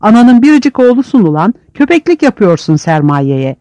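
A man's voice: high voice, big pitch swings, moderate pace, mellow, dry recording, pitched above the performer's own voice. A man voicing a fiery male prisoner leader, haranguing and scolding in an audiobook. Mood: scolding harangue.

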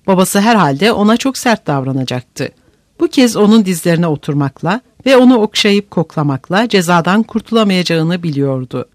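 Expressive audiobook narrator, lively pitch. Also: no echo, studio quality. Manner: expressive, dramatic reading.

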